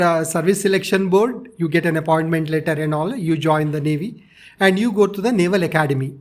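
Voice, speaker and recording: A man in his sixties speaks with a South Indian accent in a notably high-pitched voice. He answers as an interviewee, laying out his experiences step by step in a measured, explanatory manner. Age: 60s. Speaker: interviewee, retired navy officer. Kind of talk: interview, recounting personal experience.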